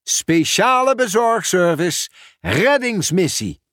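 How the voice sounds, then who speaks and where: A man's voice: high-pitched, very animated, slow, fairly bright tone, no echo, clean studio sound, voice pushed up, full character voice. Pieter Post, a man doing a raised cheerful postman. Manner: eager, calling out. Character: cheerful helpful male postman, brisk and caring.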